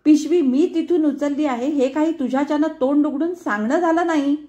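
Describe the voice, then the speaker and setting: A woman's voice: high voice, a little slow, darkish tone, pitched above the performer's own voice. A woman voicing a harried, angry middle-aged mother who scolds sharply and sarcastically in a told story. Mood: furious scolding.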